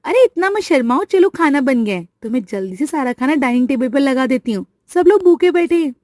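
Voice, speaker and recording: Woman doing a playful young sister-in-law, high and bubbly, animated storybook. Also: a little fast, no room sound, clean studio sound. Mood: cheerful. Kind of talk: storybook voice acting.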